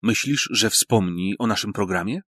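A man reading an audiobook, voicing the narrator's nervous, excitable friend in an eager tone. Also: fairly low pitch, moderate pace, husky, no echo, studio quality. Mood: excited.

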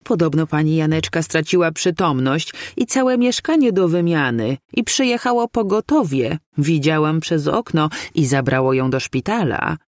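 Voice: mid-range voice, animated, moderate pace, few pauses, no echo, clean studio sound, natural voice. A reader voicing a nosy elderly neighbour woman who chatters eagerly and pries. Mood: prying.

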